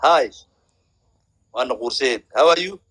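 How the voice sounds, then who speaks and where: A man from Somalia chatting on a video call, speaking halting, broken English and repeating his words. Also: mid-range voice, animated, fairly bright tone, husky. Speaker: video chat caller. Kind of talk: casual video chat with strangers.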